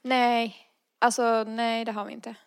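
A woman's voice: on the high side, flat delivery, gravelly, smooth, no room sound, clean studio sound. A woman casually telling a personal story and acting out the dialogue in it, full of fillers. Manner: acts out quoted dialogue, frequent fillers.

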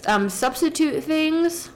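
A woman's voice: high voice, expressive, slow pace, slight background noise. A woman co-hosting a podcast, chatting casually and gushing with enthusiasm over food. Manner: warmly enthusiastic, gushing praise. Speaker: podcast co-host. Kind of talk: casual chat while tasting food.

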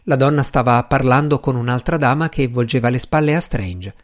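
A man reads a novel aloud as narrator, at a steady, even pace. The delivery is calm and measured, mid-pitched and plain. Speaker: audiobook narrator. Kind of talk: scripted narration.

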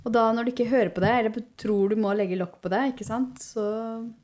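A woman's voice: fairly high pitch, steady tone. Affirming Norwegian woman podcast host. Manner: warm affirming listener, many short backchannels. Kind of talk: casual chat.

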